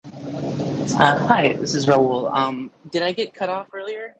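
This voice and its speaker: A man speaking up in an online audio room over a bad, breaking-up connection, halting and repeating his words. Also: a little high, expressive, very noisy. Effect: breaking-up bad phone connection. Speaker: audience member invited to speak. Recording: dull lo-fi phone audio, dry.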